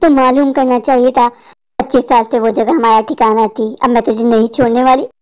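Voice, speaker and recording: A woman voicing a vengeful, grieving female witch spirit in a cartoon, with slow, gloating threats. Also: on the high side, fairly even intonation, a little mellow, lightly acted. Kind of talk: cartoon voice acting.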